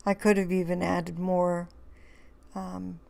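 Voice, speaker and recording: A hoarse woman, rambling through a relaxed crafting tutorial voice-over with many fillers and restarts. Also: lowish voice, takes it slowly. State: hoarse, losing her voice. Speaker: craft video host.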